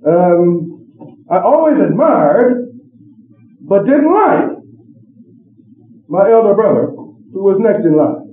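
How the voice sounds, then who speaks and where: A man's voice: high voice, slow pace, long pauses, soft background music. A middle-aged man from western Pennsylvania giving a folksy personal lecture, telling stories with joking asides. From western Pennsylvania, USA. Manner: animated storytelling with joking asides. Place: lecture room with an audience. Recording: tinny, echoey old archival tape from far off.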